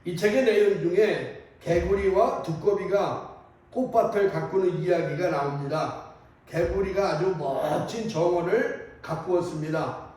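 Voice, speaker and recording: A man's voice: high-pitched, a little mellow. A man preaching a sermon as a priest, telling a story in a conversational way and asking the congregation questions. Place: church. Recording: echoey church from a distant mic.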